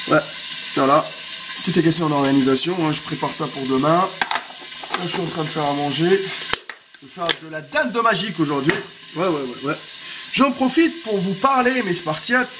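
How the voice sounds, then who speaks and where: A man's voice: a little high, lively intonation, normal speed, pauses often. A man in his thirties with a Tunisian accent, chatting in a hyped-up, slangy way while cooking in his home kitchen, recorded by a propped camera a bit away. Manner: street slang, rambling, pumped motivational tone. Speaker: fitness vlogger. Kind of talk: casual hyped-up vlog chat. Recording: loud frying noise behind. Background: sizzling frying pan.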